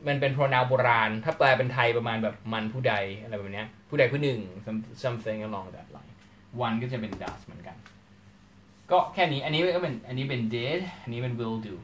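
A man teaching English grammar in a live lecture, animated and acting out short question-and-answer exchanges. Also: mid-range voice, normal speed.

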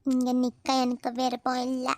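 Woman voicing a sulky high-pitched village girl. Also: monotone, moderate pace, warm tone, no echo, natural voice. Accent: Kanyakumari Tamil. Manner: sulky, curt, snapping retorts. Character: young village girl, sulky and sharp-tongued. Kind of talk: cartoon voice acting.

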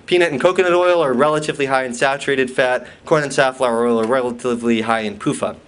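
A man's voice: medium pitch, steady tone, fast talker, fairly bright tone, smooth. A man giving a conference lecture from slides, with dry, wry asides, questions to the audience and many fillers and restarts.

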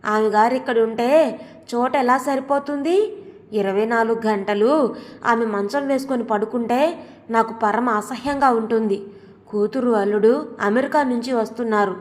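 A woman's voice: fairly high pitch, moderate pace, natural voice. A woman voicing a harsh, resentful middle-aged wife who scolds sharply. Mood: angry. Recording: long hall reverb.

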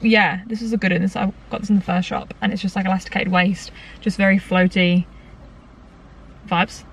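A woman's voice: mid-range voice, little pitch movement, normal speed, slightly rough. A young woman hosting a vlog, chatting casually about clothes she thrifted and laughing often. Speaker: vlog host showing a thrift haul. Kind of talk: casual chat. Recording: distant mic with background noise.

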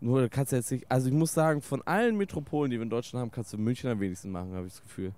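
A young man from Swabia chatting casually as a podcast guest, relaxed and slangy. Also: medium pitch, rapid-fire. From Swabia, Germany. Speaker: guest, content creator. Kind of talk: casual chat.

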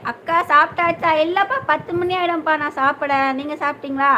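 A woman's voice: sits high, steady tone, fast talker, bright, forceful tone, a little hiss or hum. A young woman hosting a casual live stream, greeting viewers by name and asking whether they have eaten.

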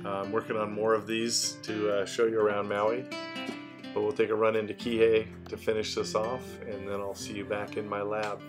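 Low-voiced man narrating over guitar music. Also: monotone, moderate pace. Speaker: vlogger and tour narrator. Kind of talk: casual travel voice-over. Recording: music behind the voice.

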